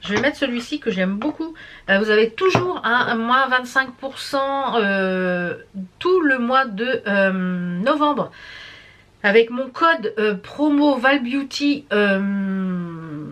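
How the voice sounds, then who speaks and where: A woman's voice: on the high side, animated, slow, a bit bright. A tired woman chatting casually to camera as a vlogger, rambling and stumbling over her words. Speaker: beauty and embroidery vlogger.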